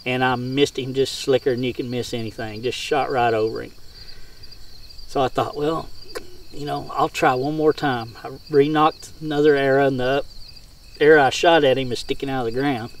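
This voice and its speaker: A man's voice: medium pitch, steady tone, fairly quick, slight background noise. Folksy man telling hunting stories, miked from afar. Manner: folksy, rural colloquial phrasing. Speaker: hog hunter and game caller. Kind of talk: casual first-person hunting storytelling. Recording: distant mic outdoors with insect sounds.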